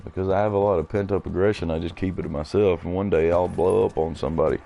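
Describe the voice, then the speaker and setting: A man's voice: sits low, fairly even intonation, fast talker, gravelly, mellow, slight background noise. A man in his thirties talking on a live game stream, blunt, profane and emotional as he vents.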